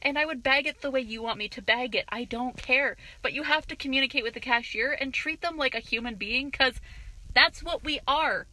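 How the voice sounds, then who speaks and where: Young woman vlogger, sharp bright tone, slightly high, indignant profane rant. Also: normal speed, rough recording. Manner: profane, indignant, animated retelling. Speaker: vlogger, cashier. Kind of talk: ranting vlog storytelling.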